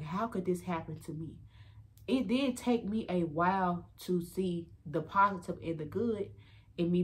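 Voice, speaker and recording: A woman's voice: fairly low pitch, fairly bright tone. Candid young woman, rambling vlog confession. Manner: candid, rambling, many fillers and restarts; addresses viewers as y'all. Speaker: vlogger. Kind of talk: emotional personal update.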